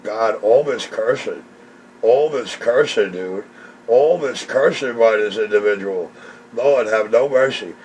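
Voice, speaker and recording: A man's voice: lowish voice, unhurried. Mocking man on CB radio. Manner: mocking, complaining. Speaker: CB radio operator. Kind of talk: radio chatter. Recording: distant radio audio with faint hiss.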